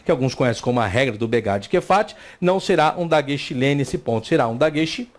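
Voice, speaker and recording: A man's voice: mid-range voice, animated, brisk. A Brazilian man teaching a recorded Hebrew lesson, explaining step by step and asking and answering his own questions. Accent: Brazilian Portuguese. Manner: voices students' questions to himself.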